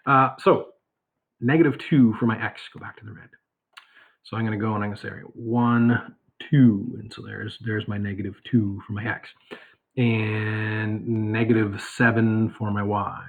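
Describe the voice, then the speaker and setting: A man's voice: on the low side, steady tone, normal speed, creaky. A male math teacher giving a casual recorded lesson from home, rambling with many fillers and asides. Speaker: high school math teacher. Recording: tinny phone-like audio.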